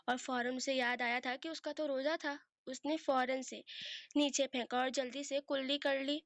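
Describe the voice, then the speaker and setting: High-voiced woman reading her novel. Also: a bit bright, no echo. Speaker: novel writer and reader. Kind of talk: reading a serialized novel aloud.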